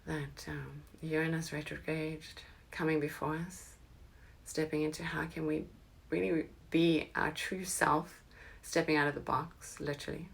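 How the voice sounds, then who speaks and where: Low gravelly woman guiding a meditation. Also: flat delivery. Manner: slow and soothing, drifting into soft whispers. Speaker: meditation guide. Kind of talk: guided meditation.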